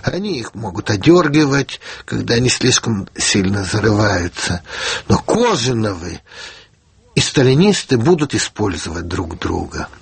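A fifty-year-old man from the Soviet Union, a writer answering in a radio interview, speaking in a measured, reflective way with frequent hesitations. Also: fairly low pitch, very animated, vocal fry, husky, no echo. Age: 50s. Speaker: guest writer.

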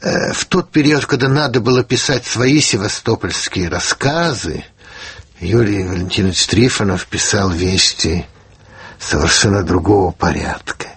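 A fifty-year-old man from the Soviet Union, a writer answering in a radio interview, speaking in a measured, reflective way with frequent hesitations. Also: fairly low pitch, breathy edge, dry recording. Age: 50s. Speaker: guest writer.

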